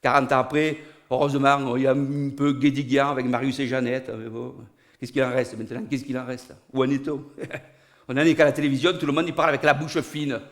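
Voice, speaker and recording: A man with a Niçois southern French accent telling a comic monologue, animated and rising to loud outbursts. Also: mid-range voice, a little fast. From Nice, southern France. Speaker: stand-up comedian. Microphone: studio recording.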